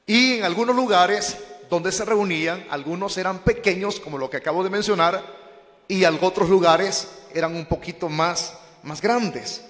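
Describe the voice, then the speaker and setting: A man's voice: high voice, normal speed, a bit bright, in a large hall. A man preaching a teaching sermon, calling his listeners brothers and posing questions he then answers himself.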